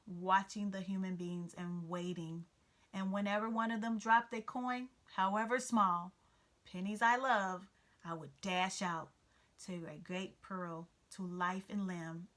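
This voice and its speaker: This is a storybook read-aloud in which a woman performs the voice of a male mouse, fussy and sentimental, whose speech is whiny, pitiful and dramatic. She speaks at a measured pace in a fairly low pitch, and her tone is fairly bright.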